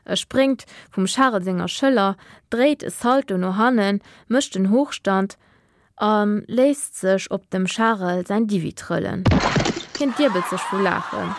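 Slow expressive woman storyteller. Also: medium pitch, no echo, clean studio sound. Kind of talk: children's story reading.

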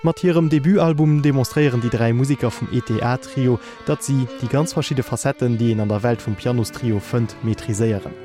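A man reading a scripted music review for radio in a measured way. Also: mid-range voice, dark tone. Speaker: music critic.

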